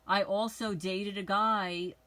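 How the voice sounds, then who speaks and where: A woman's voice: medium pitch, fairly even intonation, slow pace, pushed and bright, poor audio. A middle-aged woman from the Bronx, talking to her channel's viewers in a rambling, frank, conversational monologue. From the Bronx, New York. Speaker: channel host. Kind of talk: casual personal monologue.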